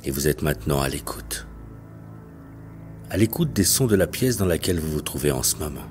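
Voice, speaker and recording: Male hypnotherapist, low voice, slow detached hypnotic delivery over faint background music. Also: expressive. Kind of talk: guided hypnosis session. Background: soft music.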